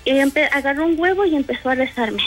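Woman guest, higher-pitched voice, casual and hesitant storyteller. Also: lively intonation, fast talker, fairly bright tone, soft background music, rough recording. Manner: hesitant, many fillers and restarts. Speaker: guest telling a paranormal story.

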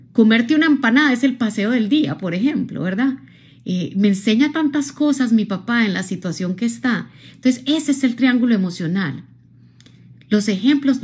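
A woman's voice: mid-range voice, breathy edge. A woman, from Colombia, giving a live-streamed motivational talk, speaking expressively straight to her viewers and often checking in with them. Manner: expressive, addresses viewers directly, frequent tag questions.

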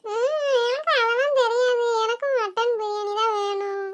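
A woman's voice: very high-pitched, fairly even intonation, moderate pace, very noisy. A woman with a Kanyakumari Tamil accent voicing a stubborn little village girl who whines and cries for food. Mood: whining. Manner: whining and pleading.

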